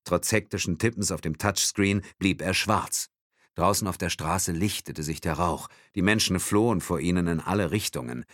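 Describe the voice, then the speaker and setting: A man narrating a thriller audiobook in a dramatic, expressive reading. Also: low-pitched, normal speed, no echo, studio quality.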